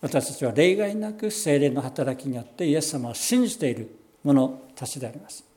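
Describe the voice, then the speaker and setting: A pastor giving a sermon, explaining scripture in a measured way and slowing down on key phrases. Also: male voice, medium pitch, expressive, dark tone. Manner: measured, explanatory preaching with slowed emphatic phrases.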